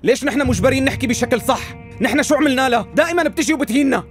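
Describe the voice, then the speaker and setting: An actor playing a hot-tempered, protective young nephew with a Syrian accent, protesting indignantly in a dubbed TV drama. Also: male voice, very high voice, rapid-fire, soft background music. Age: young adult.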